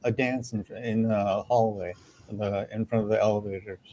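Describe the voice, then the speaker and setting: A man's voice: fairly low pitch, steady tone, moderate pace, warm tone, slight background noise, rough recording. A man joining a casual group chat as a guest artist, easygoing and joking.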